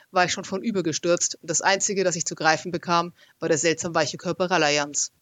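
Man, audiobook narrator, first-person story, expressive, lively, fairly high voice, dry close recording. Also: no room sound.

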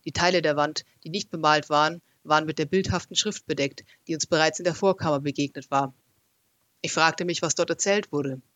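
A man reading a first-person adventure story aloud as an audiobook, in a lively, expressive storytelling manner. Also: on the high side, a little fast, no room sound. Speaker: narrator.

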